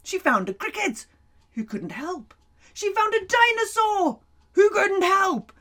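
Animated woman reading a children's story. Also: very high-pitched, takes it slowly. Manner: animated, laughs often, drops to whispers.

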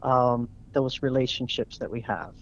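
A man's voice: medium pitch, steady tone, a little slow, a little hiss or hum. A man, a guest author, reading his own short story aloud in an earnest, reflective spoken word style. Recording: dull lo-fi recording.

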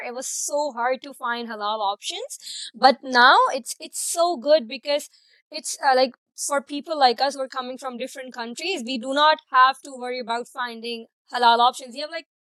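Woman, 30s, from Karachi, chatty podcast guest, slightly high voice, dry sound. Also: sharp tone, no room sound, rough recording. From Karachi, Pakistan. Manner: chatty, many "like" and "um" fillers. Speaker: guest, food blogger. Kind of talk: casual interview answers.

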